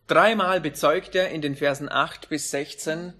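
A man preaching a sermon in an emphatic way, slowing down on key phrases. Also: on the high side, steady tone, a bit bright.

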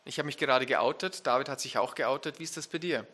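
A pastor preaches an emphatic sermon, asking his listeners direct questions and building to loud, fervent peaks. He talks fast at a medium pitch.

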